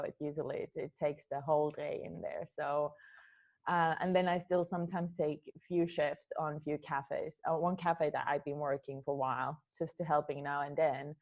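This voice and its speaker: Talking about her dance work in an interview, a young dance artist from Finland speaks with a Finnish accent and a fairly low voice. She's hesitant, repeating words as she thinks of what to say. The sound has phone quality.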